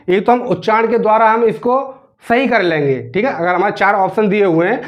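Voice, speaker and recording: A man teaching a grammar lesson, asking questions and answering them himself and repeating words slowly as he spells them out. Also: sits high, muffled recording.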